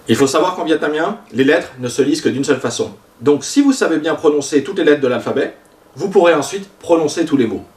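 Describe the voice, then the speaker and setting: Guy teaching pronunciation, stretches out the example words, a bit far from the mic, echoey room. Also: on the high side. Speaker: language teacher. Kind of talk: vowel pronunciation lesson. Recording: roomy sound, voice a bit off-mic.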